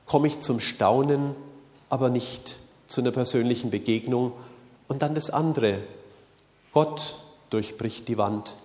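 A man's voice: medium pitch, unhurried. Earnest man preaching in a reverberant hall. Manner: calm, earnest, repeats key phrases. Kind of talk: sermon-style talk on faith and science. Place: room with a live audience.

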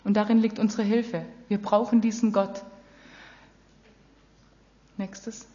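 A woman's voice: mid-range voice, little pitch movement, slow pace, dark tone. A woman preaching a sermon, speaking earnestly and directly to her audience. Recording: dull audio with long hall reverb.

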